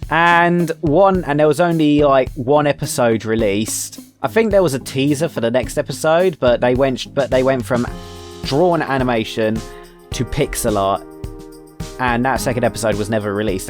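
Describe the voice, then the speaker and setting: Self-mocking man reacting. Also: mid-range voice. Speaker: channel host. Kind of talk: reacting to his old video.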